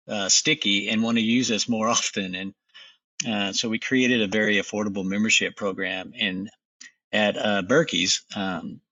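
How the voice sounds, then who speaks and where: A man's voice: fairly low pitch, pushed and bright, husky, dry recording, distant mic, highs cut off. A middle-aged man, a company founder, talking confidently and emphatically as a guest in a business interview.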